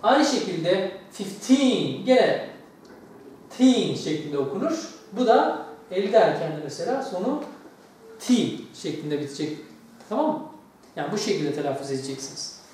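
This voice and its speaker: A man's voice: sits high, very animated, moderate pace, a little mellow. A man teaching a lesson, explaining patiently step by step and reading words aloud for practice. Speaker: English teacher. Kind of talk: classroom lesson. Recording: very echoey room, distant mic, faint noise.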